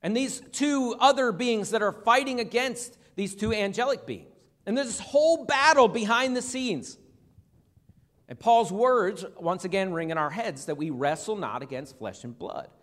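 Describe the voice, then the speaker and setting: A man's voice: sits high, animated, normal speed, a bit bright. A male pastor preaching a Bible-teaching sermon in a conversational way, with humorous asides to the congregation. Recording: long reverb of a large hall.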